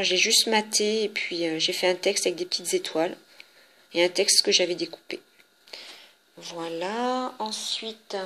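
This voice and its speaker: A woman with a French accent casually shows her handmade cards, talking in a chatty, halting way with many fillers and restarts. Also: lowish voice, sharp tone. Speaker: papercraft vlogger.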